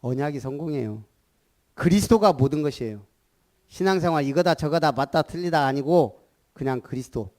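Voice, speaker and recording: This is a sermon by a male pastor from Gunsan, Jeolla, South Korea, whose voice is high and animated. Speaking fairly quickly, he poses rhetorical questions and urges the congregation to repeat his words.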